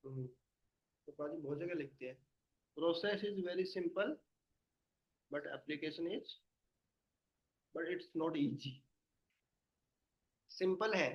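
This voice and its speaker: A man's voice: fairly high pitch, lo-fi sound. A man leading a devotional study session, explaining patiently and quizzing his listeners with questions. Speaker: spiritual teacher.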